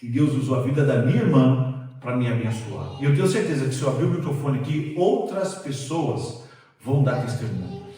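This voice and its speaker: A man preaching a sermon as pastor, telling a personal testimony in an animated, storytelling way, heard in a church sanctuary. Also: mid-range voice, a little fast. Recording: very echoey church hall, distant mic.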